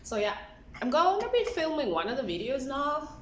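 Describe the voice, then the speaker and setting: A woman in her twenties vlogs about her self-care routine from a room at home, chatty and rambling, laughing often and filling her talk with "like." Her voice is high, very animated and a bit bright at a normal speed. The camera sits on a stand, so the sound is roomy and slightly distant, with faint ambience and a little hiss or hum.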